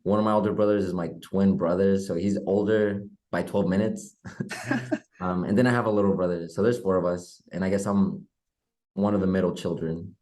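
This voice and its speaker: A man's voice: sits low, fairly even intonation, a little fast, mellow. A young man in his twenties from Oklahoma, a guest in a casual video-call interview, friendly and easygoing with many fillers. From Oklahoma, USA. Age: young adult. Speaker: guest, politician. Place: bedroom at home.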